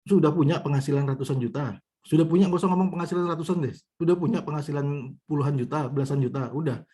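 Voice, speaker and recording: A man's voice: on the high side, quick pace, warm tone, breathy edge. A man giving a conversational motivational business talk, telling stories and addressing the audience directly, with a lot of repetition. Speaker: business trainer.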